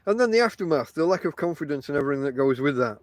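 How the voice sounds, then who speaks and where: Talking very fast with a fairly high pitch and lively intonation, a middle-aged podcast host makes wry, self-deprecating jokes in a loose, rambling chat. He is toothless, articulating with his lips over his gums, and the recording has no echo.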